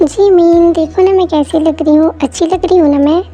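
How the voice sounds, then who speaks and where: A woman's voice: very high voice, fairly even intonation, moderate pace, music in the background. A woman doing a stubborn party-loving young woman. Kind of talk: amateur dubbed story.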